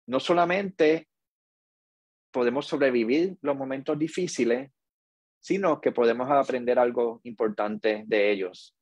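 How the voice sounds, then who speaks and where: A middle-aged man, hosting a podcast in a slow, earnest, reflective monologue. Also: medium pitch, darkish tone, no room sound, lo-fi sound. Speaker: podcast host.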